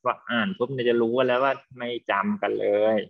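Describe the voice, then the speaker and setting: A man teaching an English class online, quizzing students and explaining slowly and patiently over a video call. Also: mid-range voice, fairly even intonation, vocal fry. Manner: patient, drawn-out explaining, calls students "child". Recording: slightly dull lo-fi sound.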